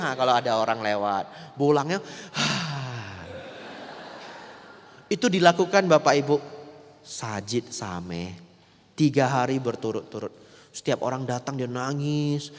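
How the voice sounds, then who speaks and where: A man, a Buddhist monk giving a lively dharma talk that often turns to the audience. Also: medium pitch. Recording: long reverb of a large hall.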